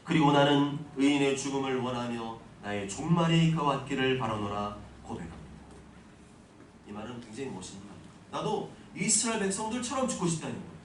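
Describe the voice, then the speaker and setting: A male pastor delivers an expository sermon, his fairly high voice leaping up and down as he moves between hushed asides and forceful declarations. He sounds a little away from the mic, in a roomy church sanctuary with a faint hum of ambience behind him. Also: recorded from a distance. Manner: animated preaching, swinging from soft asides to loud emphatic declarations.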